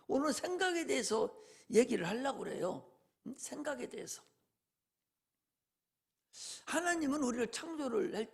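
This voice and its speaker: A man's voice: very high voice, gravelly. A male pastor preaching a sermon in a folksy way, often asking rhetorical questions.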